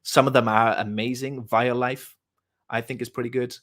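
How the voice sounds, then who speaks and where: A Welsh man with a British accent hosts an online voice chat as a vegan activist, his mid-range, slightly bright voice steady in pitch at a normal speed. He talks casually and persuasively, friendly, informal and encouraging.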